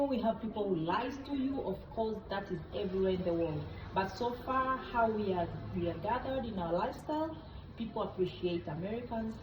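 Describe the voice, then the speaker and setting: A woman's voice: mid-range voice, noisy background. Tanzanian woman in her thirties, mid voice, earnest co-host with phrasing, roomy echo. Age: 30s. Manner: earnest, non-native grammar. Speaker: vlog co-host. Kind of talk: casual chat.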